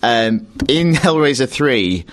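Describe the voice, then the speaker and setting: A man's voice: mid-range voice, expressive, takes it slowly. A man co-hosting a comedy podcast, chatting casually with dry quips and many fillers. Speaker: podcast co-host.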